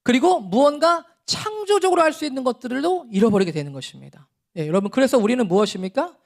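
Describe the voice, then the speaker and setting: Talking fast in a very high voice with vocal fry, a middle-aged man delivers a sermon as a pastor. His style is easygoing and conversational, punctuated by chuckles and mock scolding.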